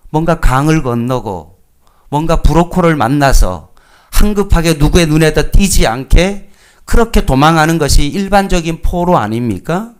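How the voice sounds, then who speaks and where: A middle-aged male pastor teaching a Bible lesson, reading scripture slowly and asking his listeners questions that he then answers himself. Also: medium pitch, clear, resonant tone.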